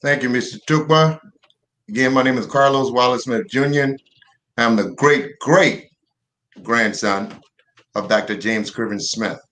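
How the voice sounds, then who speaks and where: A man's voice: mid-range voice, measured pace, a bit bright. A man panelist introducing himself formally over a video call.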